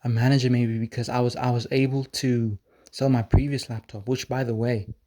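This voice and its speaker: A man telling a story to the camera in a casual vlog, rambling and halting, repeating words and swearing casually. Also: mid-range voice, little pitch movement, mellow.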